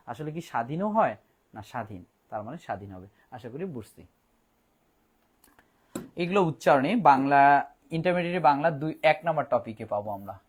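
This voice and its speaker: A man leads an online Bangla grammar lesson. His voice sits a little high for a man. He slows right down to spell words letter by letter and fills gaps with hesitations and restarts. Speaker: Bangla teacher.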